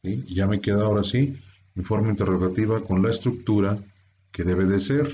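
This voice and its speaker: Speaking a little fast, a low, dark-voiced man teaches English grammar in a classroom. He breaks things down step by step and throws in rhetorical questions, all captured with dull lo-fi sound.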